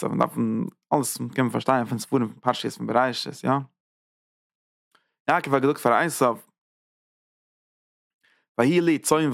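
Gravelly-voiced man giving a Torah lecture. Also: medium pitch, no room sound, studio quality. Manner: tags points with quick "ja?" checks; repeats and restarts phrases while building an idea. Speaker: rabbi teaching Zohar.

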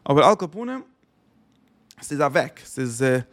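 Man teaching a religious lesson, higher voice. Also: sing-song, moderate pace, a bit bright. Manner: rhetorical questions and repeated phrases. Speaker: Torah teacher.

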